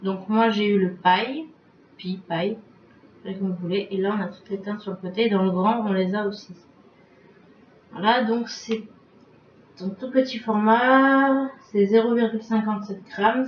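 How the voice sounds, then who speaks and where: A woman's voice: mid-range voice, steady tone, normal speed, slight background noise. A woman vlogger chatting casually through a beauty box unboxing, filling her talk with little filler words, recorded on a webcam at home. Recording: roomy, distant, dull webcam sound.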